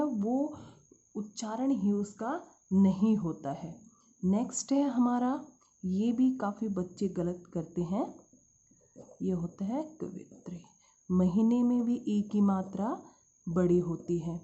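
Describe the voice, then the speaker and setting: A woman's voice: medium pitch, slow pace, warm tone. A woman teaching a spelling lesson to schoolchildren, calling them "beta" and asking and answering her own questions. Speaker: Hindi teacher. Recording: dull lo-fi sound.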